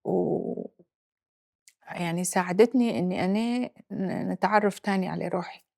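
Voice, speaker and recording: A woman in her forties from Libya, speaking with a Libyan accent as an interview guest, reflective and halting, mixing English phrases into her speech. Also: on the low side, vocal fry, a little mellow. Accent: Libyan Arabic. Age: 40s. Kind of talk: personal interview.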